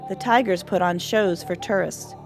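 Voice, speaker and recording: Female nature documentary narrator, lower register, measured scripted read set over clear background music.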